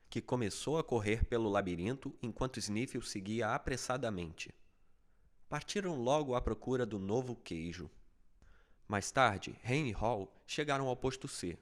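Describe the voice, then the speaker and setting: A man reads a fable aloud as an audiobook narrator. His voice sits at a middle pitch, and his delivery is steady and even, with scripted storytelling.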